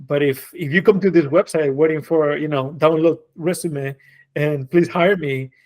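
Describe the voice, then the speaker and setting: Guesting on an easygoing podcast, this designer and creative director from Spain, a man in his forties whose first language is Spanish, reflects on his career. His voice is fairly high with a darkish tone, and his pace is moderate. His speech is loose, full of fillers and false starts.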